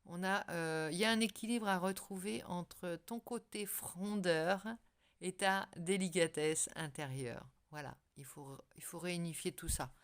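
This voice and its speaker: A woman's voice: on the low side, unhurried, clean tone. A woman giving a casual, spoken tarot reading straight to the viewer, hesitating often and restarting her sentences. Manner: hesitant, many fillers and restarts, speaks directly to the viewer. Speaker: tarot card reader.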